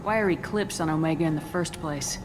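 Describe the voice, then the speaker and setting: A woman's voice: a little fast, lightly acted. A woman playing a cool, direct space soldier commander in a video game, asking terse, probing questions. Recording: rumbling noisy background.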